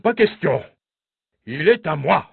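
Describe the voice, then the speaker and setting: Shrill demanding old king, man voicing, slow reading, tinny sound. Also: sing-song, creaky, husky, dry recording, heavily acted. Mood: indignant. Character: greedy shouting old king. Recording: tinny phone-like sound, faint music.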